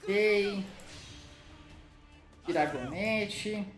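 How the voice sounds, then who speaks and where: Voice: medium pitch, extremely slow. A Brazilian Portuguese speaker giving casual card game commentary in an informal manner, often checking in with short tag questions. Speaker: gaming channel host. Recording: roomy echo with faint music. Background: music.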